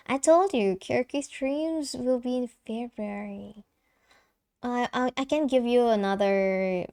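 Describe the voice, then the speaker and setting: A young woman streamer chats casually and giggles during a live stream, with frequent fillers and restarts. Though described as a light soprano, her mid-range voice sounds creaky and darkish.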